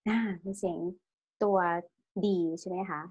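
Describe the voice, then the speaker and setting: A woman's voice: mid-range voice, fairly even intonation, measured pace, warm tone, breathy edge. A woman teaching a language class, patiently asking her students questions and drilling their pronunciation. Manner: tag-questions every phrase with polite particles. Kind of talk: online language lesson.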